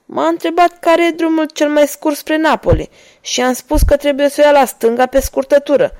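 A woman's voice: high-pitched, steady tone, darkish tone, voice pushed up. A woman reading an audiobook, voicing a cunning male guide who speaks deferentially and talks his way out of trouble. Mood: obsequious. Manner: sly, deferential, talking his way out. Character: cunning male Italian guide, servile and quick.

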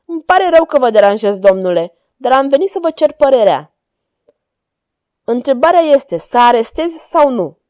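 A woman's voice: high-pitched, big pitch swings, a little mellow, no echo, clean studio sound. A woman voicing a worried male police inspector who presses eager, pleading questions in a storybook reading. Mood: anxious.

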